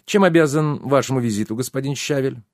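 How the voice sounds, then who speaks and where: A man's voice: medium pitch, brisk, a little mellow, dry recording, clean studio sound, voice pushed up, lightly acted. A man voicing a jovial, sly, plump baron who talks effusively in an audiobook. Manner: effusive, exclamatory, fawning.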